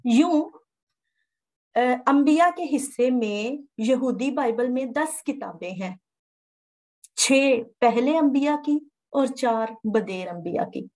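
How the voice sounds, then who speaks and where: A woman's voice: high voice, expressive, slow, darkish tone. A woman giving a methodical Bible lesson from slides, repeating key terms as she explains. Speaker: Bible teacher. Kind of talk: slide-based lecture.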